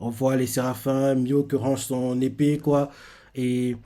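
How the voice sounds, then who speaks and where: A man streaming live, recapping a manga chapter in a casual, halting way, full of fillers and restarts. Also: mid-range voice, little pitch movement, dark tone. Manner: hesitant, many fillers and restarts, repeats himself while explaining.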